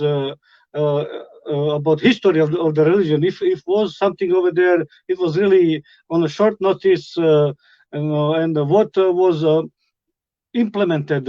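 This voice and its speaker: A middle-aged man from Bosnia with a Bosnian accent, telling his life story as a guest, halting with many fillers and restarts. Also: on the high side, dry recording, dull audio. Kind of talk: personal testimony.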